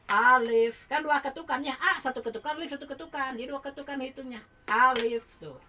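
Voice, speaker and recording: Bright, slightly high female teacher; patient, repeats letters and counts beats aloud. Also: fairly quick, slight background noise, rough recording. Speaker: Quran recitation teacher. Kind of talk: casual home lesson.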